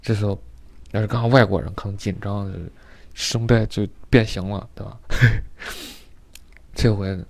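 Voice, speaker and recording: A man's voice: fairly low pitch, steady tone, moderate pace, creaky, pauses often, no room sound. A man telling a story in a rambling, casual way, repeating words often. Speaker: vlogger.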